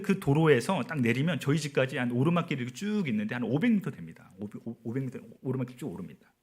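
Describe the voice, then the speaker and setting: A man's voice: mid-range voice, darkish tone, slightly rough. A man in his forties, a missionary telling a personal story in a sermon and often asking the audience questions. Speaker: missionary preacher. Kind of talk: sermon at a prayer meeting.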